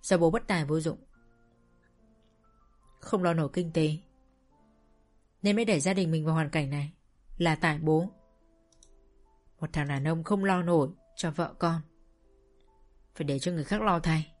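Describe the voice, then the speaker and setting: A woman reading a father who blames himself, in a low, choked voice over soft music. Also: normal speed, long pauses. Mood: remorseful, tearful. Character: remorseful poor father, middle-aged man.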